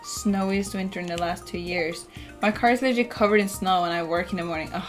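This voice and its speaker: A fast-talking woman from Norway with a lowish voice chats her way through a game stream at home. She's relaxed and talkative, uses "like" constantly and swears casually. The room is indoors, with gentle game music underneath.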